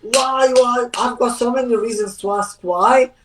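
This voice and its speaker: A woman's voice: a little high, moderate pace, background noise. A woman co-hosting a live spiritual question-and-answer show, talking in an earnest, rambling way with loose, non-native grammar. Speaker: co-host.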